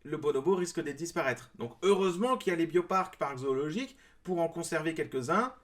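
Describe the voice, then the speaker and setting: A man's voice: a little high, animated, fairly quick, a bit bright. A man from France giving a critical commentary in reply to a clip, explaining his points with mild sarcasm. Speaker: video creator responding to a clip.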